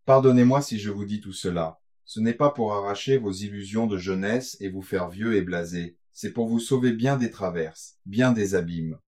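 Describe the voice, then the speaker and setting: A man's voice: on the low side, moderate pace, hardly any pauses, a little mellow, close to an everyday voice. A man reading a ruined Spanish coachman, bitter and solemn. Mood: grave warning. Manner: earnest, warning, solemn. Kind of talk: audiobook reading.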